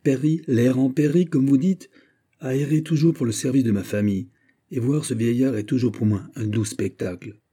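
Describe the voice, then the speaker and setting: A man's voice: medium pitch, normal speed, warm tone, breathy edge, pitched above the performer's own voice, lightly acted. A man reading an audiobook voices a capricious, coquettish young royal princess, speaking in a raised, imperious and peevish way.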